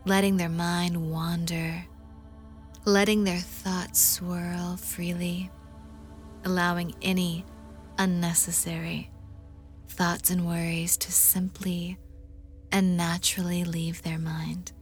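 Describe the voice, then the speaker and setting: A woman doing an ASMR role-play as a hypnosis guide, murmuring softly and breathily right into the ear, teasing, coaxing and gently commanding. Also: on the low side, level tone, takes it slowly, faint music behind. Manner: soft, intimate, breathy close-up murmur, right in the ear, often slipping into soft voice. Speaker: hypnosis audio host.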